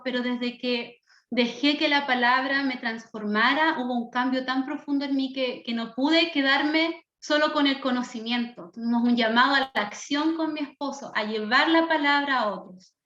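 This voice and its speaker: Chilean woman in her 30s, bible teacher, eager and earnest, high voice, echoey muffled audio. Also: moderate pace, fairly bright tone. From southern Chile. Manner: earnest, enthusiastic, fervent. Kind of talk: online class introduction.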